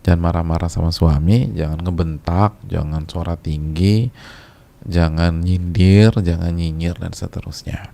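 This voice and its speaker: A man's voice: sits low, fairly even intonation, unhurried, gravelly, dark tone. A male preacher giving a casual religious lecture, talking conversationally, repeating key phrases for emphasis and sometimes chanting short religious verses.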